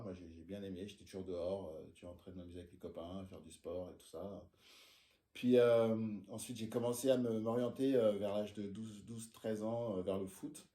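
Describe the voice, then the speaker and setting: A man's voice: sits low, warm tone, echoey room. A man in his forties, an osteopath, telling his life story in a casual interview, hesitating often with fillers and restarts. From France. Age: 40s. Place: his osteopathy practice room.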